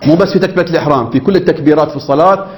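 A man's voice: fairly high pitch, racing. A man teaching a jurisprudence lesson, reading from a text and explaining it, often checking that his students follow and acting out phrases several ways. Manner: explanatory, keeps checking understanding with the class; demonstrates and repeats phrases in different ways. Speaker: religious teacher.

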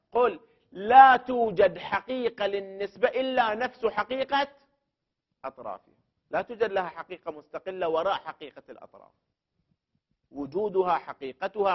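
A man with a high voice gives a methodical classroom lecture. He poses questions to his listener, then answers them by restating each term several times. The recording sounds dull and lo-fi. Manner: explains step by step, repeating terms for emphasis; addresses the student directly and poses questions. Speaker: teacher of jurisprudence principles.

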